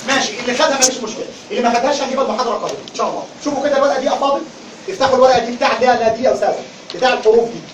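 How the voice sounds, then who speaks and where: A man with an Egyptian Arabic accent teaching Quran recitation in a classroom lecture, animated and calling on the class to answer. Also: extremely high pitch, racing, echoey room, far from the mic, background noise.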